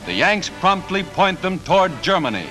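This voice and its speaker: 1940s newsreel narrator, man, high-ish lively voice, punchy and wry, music bed behind. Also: normal speed. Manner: punchy announcer delivery with wry quips. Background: music score.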